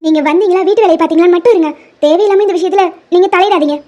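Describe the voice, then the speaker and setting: A woman's voice: very high voice, rapid-fire, muffled recording. Woman voicing a strict, scolding cartoon mother. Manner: sharp, scolding, suspicious. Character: strict, scolding middle-aged rich mother. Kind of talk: Tamil cartoon dub.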